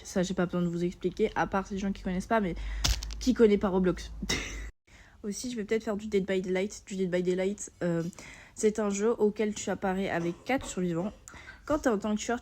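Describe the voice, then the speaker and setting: A woman's voice: mid-range voice, normal speed, darkish tone, a little hiss or hum. A young woman, a beginner gaming vlogger, chatting casually to her viewers in a rambling way full of fillers. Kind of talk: casual vlog chat.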